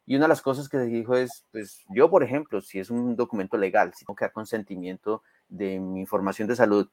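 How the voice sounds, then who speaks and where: A native Spanish speaker who advocates for a community health program appears as an interview guest, explaining things conversationally and emphatically while often tossing in rhetorical check questions. His voice is on the low side, a little mellow and a little fast, with no echo.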